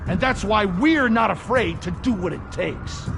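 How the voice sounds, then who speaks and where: High, creaky hot-headed cop. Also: male voice, lively intonation, unhurried, loud music behind the voice, heavily acted. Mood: gruff zeal. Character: hot-headed, fanatical male police officer. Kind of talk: video game voice acting.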